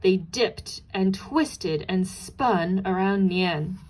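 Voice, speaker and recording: A storybook narrator reads a children's story aloud slowly and deliberately, her pitch middling and her voice a little mellow. She leans expressively on key and repeated words for dramatic effect, though the audio quality is poor.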